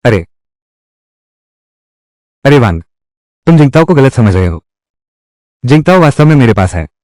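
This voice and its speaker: A man's voice: mid-range voice, very animated, moderate pace, darkish tone, no echo, clean studio sound. A man reading all the character lines of a dubbed drama in one voice. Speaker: voice-over reader of a dubbed drama.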